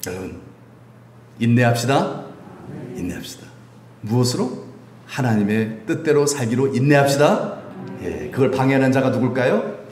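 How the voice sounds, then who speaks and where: Lively humorous male pastor preaching in church. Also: medium pitch, moderate pace, pauses often, a little hiss or hum. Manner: lively and humorous, asks the congregation questions. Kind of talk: sermon. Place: church sanctuary. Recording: echoey room, faint ambience.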